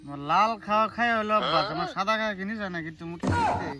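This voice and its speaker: A man's voice: high voice, very fast, lightly acted. A man playing a grumbling drunk at a drinking party in an amateur comedy sketch. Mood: boastful, tipsy. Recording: loud music over the voices.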